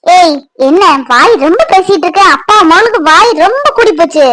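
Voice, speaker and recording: A woman's voice: extremely high pitch, animated, a little fast, heavy background noise. A woman voicing a demanding, bossy young sister-in-law in a cartoon, scolding. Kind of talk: Tamil cartoon voice acting.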